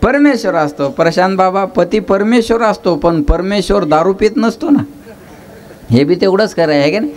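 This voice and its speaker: A man's voice: high voice, expressive, normal speed, a little mellow. A man from preaching a devotional kirtan sermon, chanting verses and teasing his audience with questions and jokes. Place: live gathering with instruments.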